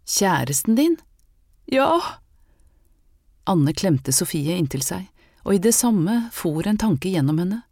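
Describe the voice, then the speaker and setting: Low dark female audiobook narrator, calm and measured. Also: no echo, studio quality. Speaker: audiobook reader. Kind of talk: scripted narration.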